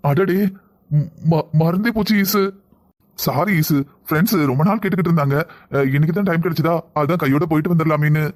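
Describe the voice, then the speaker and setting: Brief: man playing a breezy cartoon husband, southern Tamil accent, brisk, slightly high. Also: lightly acted. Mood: offhand. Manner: offhand, dismissive. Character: careless easygoing young husband. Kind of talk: cartoon voice acting.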